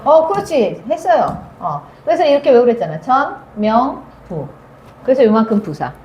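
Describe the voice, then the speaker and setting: A woman teaching English grammar to high school students, asking questions and answering them herself, and reading English phrases out slowly. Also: sing-song, a little mellow. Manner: asks and answers her own questions. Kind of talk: grammar lecture. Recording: echoey room with faint noise.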